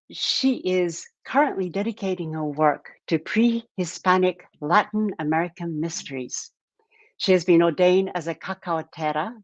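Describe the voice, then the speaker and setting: A woman from Japan hosting a live-stream talk, speaking in an unhurried way with many fillers and repeated words. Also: deep voice, no echo. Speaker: live stream podcast host. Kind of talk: slow casual live-stream introduction. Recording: dull lo-fi dry sound.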